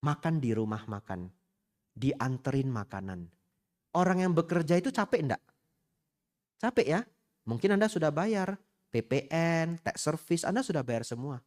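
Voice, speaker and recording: A man's voice: on the high side, expressive, moderate pace, pauses often. A middle-aged man, a Buddhist monk, giving a humorous Dhamma talk to a congregation, asking them questions and mixing in Hokkien phrases. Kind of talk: sermon. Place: temple hall before a congregation.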